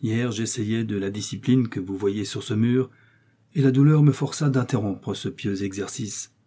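A man's voice: lowish voice, normal speed, warm tone, husky. A man voicing Aramis, a refined, pious young male musketeer who is in pain, in a read novel. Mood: weary.

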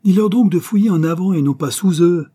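A man's voice: on the low side, normal speed, mellow, husky. A man voicing a tall, graying archaeologist who tells a tale in a commanding, storytelling manner. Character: tall weathered graying male archaeologist, authoritative.

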